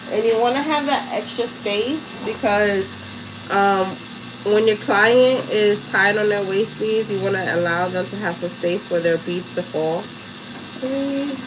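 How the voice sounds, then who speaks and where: A woman's voice: medium pitch, noisy background. A woman with a New York accent chatting casually and directly to viewers as she hosts a live craft tutorial. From Harlem, New York, USA. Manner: chatty, addresses listeners directly. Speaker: craft livestream host.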